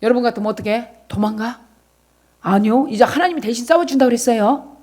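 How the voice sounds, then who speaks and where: A middle-aged woman pastor preaches with a high, ringing voice. She drops to quiet, chatty asides with her congregation, then rises into loud, shouted exhortation. She voices God's words as if speaking them herself. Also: fast talker. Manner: acts out God's words in direct speech. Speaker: senior pastor. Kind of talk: sermon.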